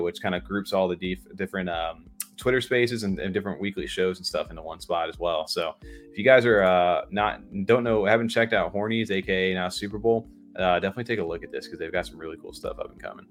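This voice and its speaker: A man's voice: low voice, quick pace, faint music behind. A man co-hosting a livestream, chatting casually with lots of fillers and restarts. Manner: rambling, many fillers and restarts. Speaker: livestream co-host. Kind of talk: casual chat.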